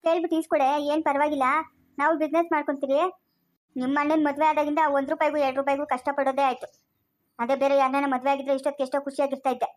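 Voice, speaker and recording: A woman acts out a resentful, grasping sister-in-law in a homemade family comedy drama. Her voice sits high runs through every demanding, complaining line. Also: level tone, rapid-fire, close to an everyday voice. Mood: nagging.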